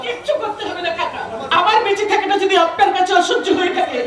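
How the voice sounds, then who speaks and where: A woman's voice: extremely high pitch, fast, crowd noise. A woman playing a wretched young niece in historical folk theatre, imploring tearfully in an emotional declamatory style. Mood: tearful pleading. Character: wretched pleading young niece begging her uncle for mercy. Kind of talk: emotional declamatory Bengali jatra stage acting. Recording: very echoey stage, distant, audience noise.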